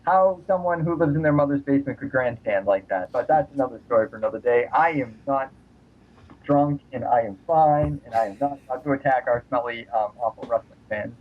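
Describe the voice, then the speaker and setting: A man's voice: medium pitch, a little fast. A man co-hosting a podcast in casual chat, ranting with sardonic, crude humor. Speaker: podcast co-host. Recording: phone-like narrow band.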